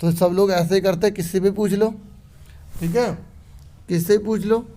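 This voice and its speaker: A man teaching a worksheet lesson to students, reading passages slowly and then explaining them in quick, casual talk with frequent check-ins. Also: sits high, fairly even intonation, dark tone.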